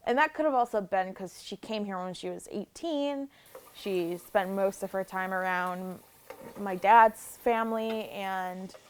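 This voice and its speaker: A woman in her twenties from the Buffalo area, giving candid, reflective personal testimony for a documentary. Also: medium pitch. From Buffalo area, New York, USA. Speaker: documentary interviewee. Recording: music bed under the voice. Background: background music.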